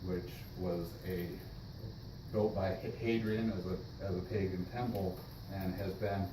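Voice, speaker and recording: A man leading a casual church class discussion, thoughtful and halting, with many restarts. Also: low voice, little pitch movement. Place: church meeting room. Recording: echoey room, distant mic, noisy.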